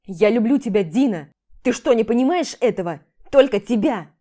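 A woman reading the part of an intense, possessive husband in an audiobook, in a forceful, clipped way. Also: medium pitch, lively intonation, measured pace, natural voice. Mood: pleading. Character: intense possessive jealous husband, adult man.

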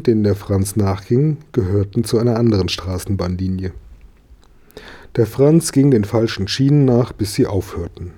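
A man reading a children's story aloud in calm, even storytelling. His voice sits low and sounds very dark and mellow. A husky grain runs through it. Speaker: narrator.

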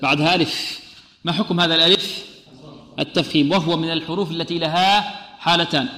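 A man's voice: on the high side, steady tone, sharp tone. Man teaching recitation in an echoey room. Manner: asks questions and answers them himself, drills sounds slowly. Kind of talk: tajweed lesson with recited examples.

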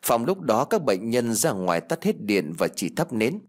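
A male storyteller reading a ghost story in a plain, steady way. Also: medium pitch, normal speed. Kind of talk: scripted horror story narration.

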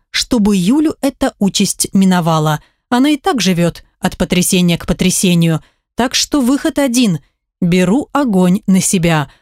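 A woman reading a first-person novel aloud in a steady, emotive voice. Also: mid-range voice, dry recording, studio quality. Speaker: audiobook reader.

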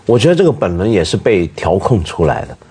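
A man on a talk show making measured, reasoned points in a casual chat. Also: low-pitched, sing-song, mellow. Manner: measured, reasoning, frequent murmured agreement.

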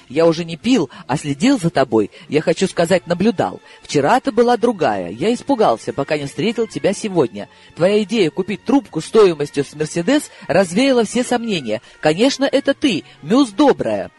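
A man reading an audiobook, voicing a nervous, excitable male friend who rambles and pleads. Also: high-pitched, moderate pace, few pauses, husky, soft background music, exaggerated voice. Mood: rattled. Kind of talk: audiobook character voice.

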